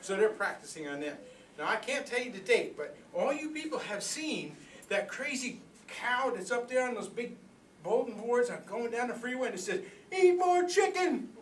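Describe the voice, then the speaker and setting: An older man with a voice high for a man plays an old rooster in a comic monologue, performed live for a group in an indoor workshop room. His sing-song, moderately paced delivery is folksy, earnest and rambling, full of repeated phrases, like someone proudly sharing a philosophy of life, with a conspiratorial, indignant mood. The echoey room, distant mic and background noise come through.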